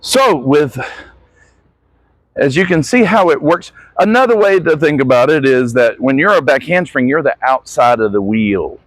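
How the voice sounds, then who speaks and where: With a mid-range voice and no echo, a man works hands-on with a gymnast, showing the moves himself and offering short, encouraging corrections along the way.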